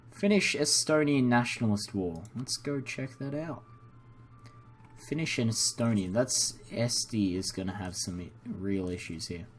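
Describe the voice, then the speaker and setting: Recorded indoors at a computer with slight background noise, a young native English-speaking man hosts a gaming video in a lowish voice. His unscripted game commentary is casual, rambling, apologetic, and self-deprecating.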